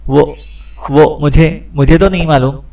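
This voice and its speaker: A man's voice: mid-range voice, steady tone, fairly quick, darkish tone, far from the mic, lightly acted. A man voicing a frightened, captured male gang section chief in an audiobook, hesitant and stammering. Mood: scared.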